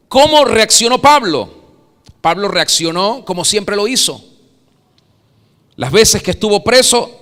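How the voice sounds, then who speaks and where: A Venezuelan pastor preaches in Venezuelan Spanish, his bright, ringing voice pitched slightly high. He swells to loud, dramatic peaks, then sinks to near whispers, and the church sanctuary gives it a long reverb.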